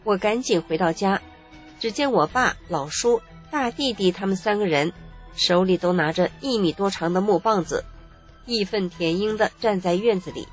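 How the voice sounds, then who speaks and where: A woman's voice: medium pitch, normal speed, soft background music. A woman, earnestly narrating her own life story in the first person. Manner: emotional, earnest recounting.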